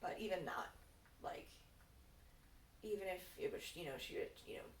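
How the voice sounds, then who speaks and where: Young woman, loose rambling stoner chat, sweary, echoey room, recorded at a distance. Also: moderate pace. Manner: rambling, relaxed, tipsy-high stoner talk with frequent swearing. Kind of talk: casual chat, Q&A. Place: indoors, on a couch. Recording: echoey room, distant mic, faint noise.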